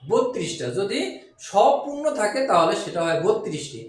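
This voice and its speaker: A man's voice: high voice, heavy reverb, recorded from a distance. A man teaching a grammar lesson, explaining step by step, repeating key points and asking rhetorical questions. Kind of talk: classroom-style grammar lesson.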